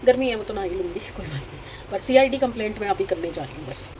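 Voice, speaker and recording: Middle-aged woman, home vlogger, chatty running commentary over cooking, mid-pitch voice, clear kitchen sizzle underneath. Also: lively intonation, fast talker. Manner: chatty, talks through her chores. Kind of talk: casual home vlog narration. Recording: frying sizzle and household noise behind.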